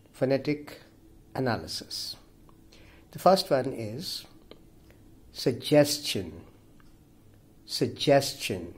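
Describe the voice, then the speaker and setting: A man's voice: medium pitch, a little mellow. A man teaching pronunciation, saying each word twice with care and then explaining where the stress falls. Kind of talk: slow, deliberate pronunciation lesson.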